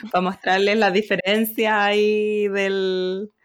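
A woman's voice: medium pitch, little pitch movement, slow pace, clean tone. A woman with a Chilean Spanish accent, chatting casually and giggling between phrases. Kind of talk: casual panel chat.

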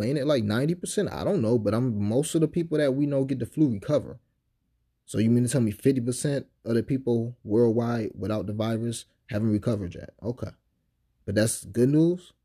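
Husky-voiced sarcastic podcast host. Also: male voice, lowish voice. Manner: sarcastic, animated, conversational with slang and frequent "you know what I'm saying". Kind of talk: casual podcast monologue.

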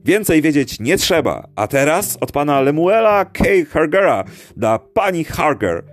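A man voicing a brash, cheerful male late-night radio DJ with booming, preachy, folksy patter. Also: big pitch swings, measured pace, faint music behind.

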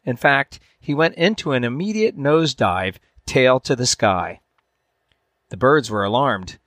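A man hosting a podcast, reading a fable aloud in a measured storytelling way, with dramatic swings in pitch and loudness. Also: lively intonation, dry recording, studio quality. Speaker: podcast host.

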